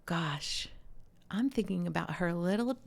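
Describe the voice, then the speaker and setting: A middle-aged woman, a mother of a grown daughter, talking in a soft, passionate way that often drops to a near whisper. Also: lowish voice, animated, measured pace, gravelly. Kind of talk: casual conversation.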